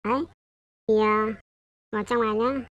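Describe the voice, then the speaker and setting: A woman with a voice on the high side speaks at normal speed and fairly even intonation, though the audio is dull. In her laid-back programming tutorial, she hesitates, corrects herself and keeps asking listeners if they're following along.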